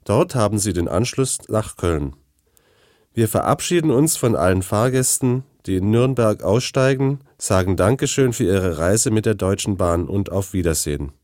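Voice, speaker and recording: A man reading formal train announcements in a steady, announcing way. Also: lowish voice, normal speed, dry recording, clean studio sound.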